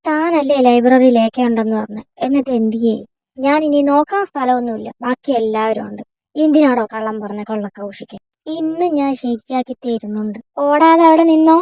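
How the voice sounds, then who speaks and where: A young woman voicing a lively, quick-tongued female first-year student who squabbles with her friends in an amateur dubbed romance drama. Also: fairly high pitch, no room sound, lightly acted. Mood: chatty. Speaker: fan dub voice actor.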